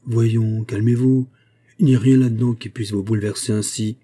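A man's voice: fairly low pitch, steady tone, normal speed, warm tone, husky, pitched above the performer's own voice. A man voicing a cheerful, motherly young seamstress who coaxes her friend in a chatty way. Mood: coaxing. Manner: coaxing, chatty.

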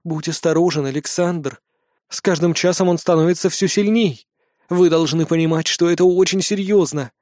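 A man's voice: fairly high pitch, moderate pace, darkish tone, dry recording, natural voice. Male reader doing a weary, shaken older woman medium in an audiobook, subdued, dry close sound. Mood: earnest.

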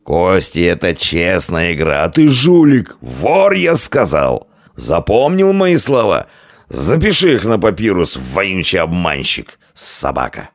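A man's voice: low voice, wildly swooping pitch, a little slow, no room sound, studio quality, pitched above the performer's own voice, full character voice. A man voicing a drunk, boastful barbarian warrior who bellows and slurs his threats in a storybook reading. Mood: haughty.

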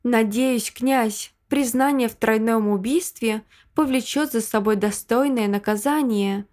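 A woman voicing a formal female ruler who speaks calmly and precisely, in a Russian audiobook. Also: fairly high pitch, unhurried, lightly acted. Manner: calm and precise.

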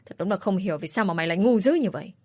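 A woman's voice: mid-range voice, lively intonation, racing, slightly rough. A woman voicing a brutal, drunken older father who sneers and bellows abuse. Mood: sneering. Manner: abusive, sneering, shouting.

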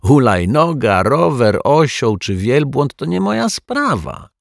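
A man voicing a smug, sneering villain in a children's audiobook, with a mocking, drawn-out delivery. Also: mid-range voice, very animated, vocal fry, no room sound, clean studio sound, voice pushed up, exaggerated voice. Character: sneering pale male lout, smug villain.

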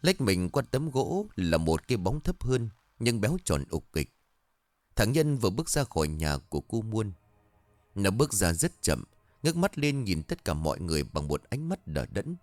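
A man telling a first-person horror story as scripted narration, lifting his voice for shouted quotes. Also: on the low side, big pitch swings, normal speed, no echo.

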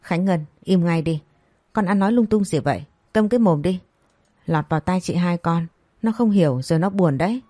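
Woman doing a middle-aged mother, scolding, harsh, low voice, dark tone, storybook. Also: normal speed, dry recording, clean studio sound, close to an everyday voice.

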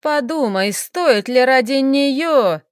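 A woman voicing a cold, furious noble dragoness mother, loud, sharp and commanding. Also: high-pitched, lively intonation, slow pace, clean tone, no room sound, clean studio sound, pitched above the performer's own voice.

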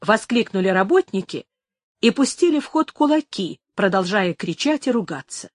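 A woman reads an adventure novel aloud in an even, measured way. Her voice sits at a mid pitch and is recorded close and dry. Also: dry recording. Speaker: narrator. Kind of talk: audiobook narration.

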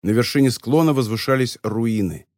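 A man narrating an audiobook in a calm, measured way. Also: medium pitch, dry recording, clean studio sound. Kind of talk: scripted narration.

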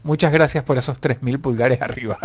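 A man's voice: mid-range voice, noisy background. A young man hosting a casual live stream, reading viewer comments and answering them with profane, mock-angry jokes.

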